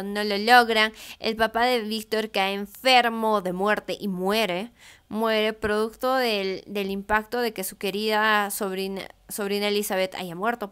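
A woman's voice: mid-range voice, fairly bright tone, smooth. A young woman casually retelling a novel's plot as a book reviewer, chatty and informal.

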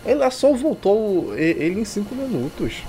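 This time his voice is high-pitched and sing-song, yet dark in tone, moving at a moderate pace. The Brazilian man is still reading a visual novel aloud on stream with slangy, irreverent asides, game music running behind him.

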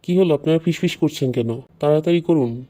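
A woman's voice: deep voice, a little fast, warm tone, a little hiss or hum, close to an everyday voice. A woman doing a curt, stern male examiner. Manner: curt commands.

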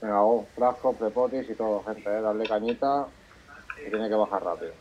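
Low-voiced Castilian man, terse raid leader. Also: moderate pace, a little mellow, highs cut off, slight background noise. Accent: Castilian Spanish. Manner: terse, directive. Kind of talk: gaming voice-chat callouts.

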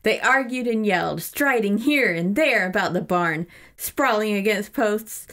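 This woman co-hosts a podcast, retelling a book casually with giggles, mild swearing, and passages read aloud. Her medium-pitched voice is lively in intonation, a touch bright, and a little slow.

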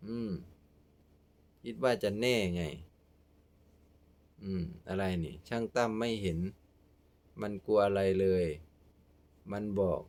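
A man's voice: lowish voice, slow, pauses often, a little mellow, clear, resonant tone. A man delivering a casual, heated, scolding monologue to his fans. He is crude and keeps adding repeated filler tags. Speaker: online commentator addressing his fans.

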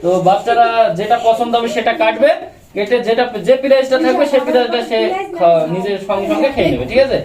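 A woman's voice: on the high side, fast, roomy sound, distant mic, crowd noise. A woman hosting a children's prize game, eagerly cheering the players on and prompting them again and again. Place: outdoors in a village crowd.

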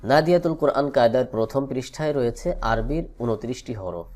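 Mellow-voiced man teaching Quran letters. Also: mid-range voice, expressive, soft background music. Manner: slow drawn-out chanting of letter names; patient instructional explanation. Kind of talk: online Quran reading lesson.

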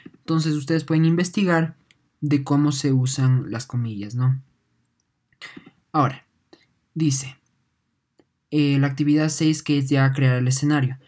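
Mellow teacher explaining patiently. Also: medium pitch. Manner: patient, often ends points with a questioning "no?"; halting, repeats words while thinking. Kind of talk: online lesson explaining on screen.

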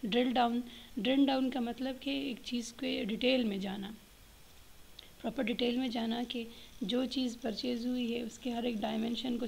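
A woman giving a slide lecture, reading each point slowly and then explaining it with many pauses and fillers. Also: fairly high pitch, creaky, a little hiss or hum, poor audio. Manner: explains in Hindi-Urdu mixed with English terms, many fillers. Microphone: voice-over on slides.

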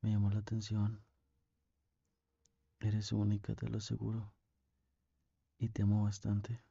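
A young man with a Mexican accent playing a tender, lovesick boyfriend on a call in an ASMR role-play, speaking intimately with pauses. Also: fairly low pitch, monotone, vocal fry, warm tone, breathy edge, no echo, lo-fi sound, full character voice. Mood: affectionate. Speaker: ASMR performer.

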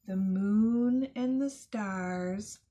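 Mama owl, gentle and calm as a woman reads her, storybook voice, slow and soft. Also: medium pitch. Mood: soothing. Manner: slow, soft, lulling recitation. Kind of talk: children's picture-book read-aloud.

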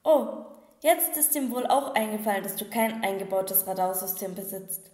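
A woman's voice: mid-range voice, normal speed, darkish tone, close to an everyday voice. Woman doing a snarky little gargoyle demon. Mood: mocking. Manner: mocking, gossipy, chatty. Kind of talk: audiobook reading. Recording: echoey room with long reverb.

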